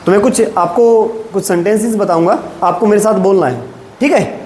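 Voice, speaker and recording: A male English teacher, leading a classroom lesson and drilling short sentences slowly while asking students questions. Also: high voice, a little mellow. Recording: echoey classroom with faint room noise.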